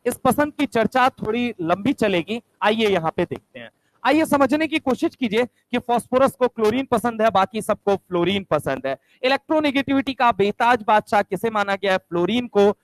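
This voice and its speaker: A man teaching chemistry through a story, animated, often checking that students understand. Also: sits high, dry recording, low-quality recording. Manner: animated, keeps asking the class if they understand.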